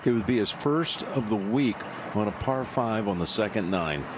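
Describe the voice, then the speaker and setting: Male golf commentator, animated intonation, live call with very noisy crowd background. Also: lowish voice, moderate pace. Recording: loud outdoor crowd noise behind.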